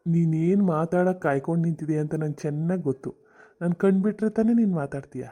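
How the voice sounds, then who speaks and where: A man's voice: fairly high pitch, fast talker, warm tone, lightly acted. A man voicing a weary, put-upon older village husband in a cartoon comedy, grumbling and exasperated.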